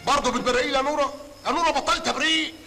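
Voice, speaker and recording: A man's voice: extremely high pitch, steady tone, rapid-fire, sharp tone, soft background music, full character voice. An actor with an Egyptian accent playing a joking man who teases a woman and laughs. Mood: teasing. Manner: teasing, laughing.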